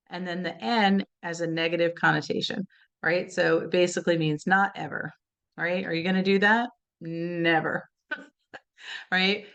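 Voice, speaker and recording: A woman's voice: fairly low pitch, vocal fry, a bit bright, highs cut off. A woman presenting an educational webinar, talking conversationally with many "right?" and "you know" asides. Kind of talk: informal teaching talk.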